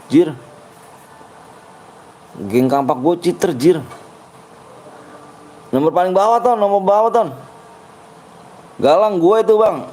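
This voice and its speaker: A man's voice: high voice, mellow, slight background noise, low-quality recording. A young man, giving rowdy, slang-heavy commentary on a live game stream and trash-talking his opponents.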